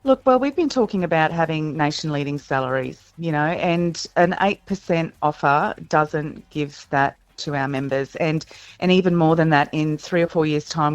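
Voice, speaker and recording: A woman's voice: sits low, no room sound, highs cut off. An Australian woman answering radio interview questions as a union president, hesitant and full of fillers. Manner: hesitant, full of "you know" and "um".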